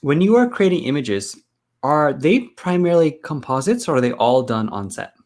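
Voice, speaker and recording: A man's voice: fairly high pitch, big pitch swings, normal speed, a little mellow. A man hosting a casual live-stream chat, teasing his co-host and reading out viewer questions. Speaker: host, photographer.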